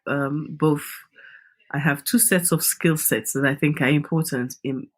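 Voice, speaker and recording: A woman's voice: deep voice, fairly even intonation, measured pace. Middle-aged Nigerian woman, Nigerian accent, emphatic interview guest. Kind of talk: podcast interview.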